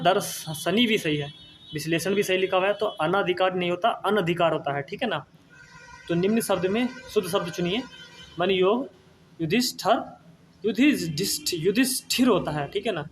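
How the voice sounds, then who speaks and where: Guy teacher with a fairly high voice running thru spelling answers, faint hiss behind. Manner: repeats words, asks and answers, tag "ठीक है ना". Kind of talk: exam-prep spelling lesson.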